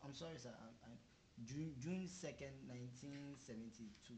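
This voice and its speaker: A man's voice: moderate pace, crowd noise, natural voice. A man with a West African, Ghanaian accent playing a nervous, evasive immigrant husband in a comedy sketch, hesitant, stumbling and deferential. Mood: nervous, confused. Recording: noisy, echoey room with low rumble.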